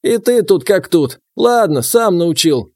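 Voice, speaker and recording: A man voicing a gruff, grumbling old huntsman who talks to his apprentice. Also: sits high, sing-song, measured pace, a little mellow, voice pushed up, exaggerated voice. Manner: grumbling, brusque.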